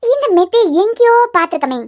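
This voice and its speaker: A sharp-tongued old grandmother, voiced by a woman, in a cartoon. She talks in a very high, quick voice, scolding her son and boasting about her grandson. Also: very animated. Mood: musing. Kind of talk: cartoon voice acting.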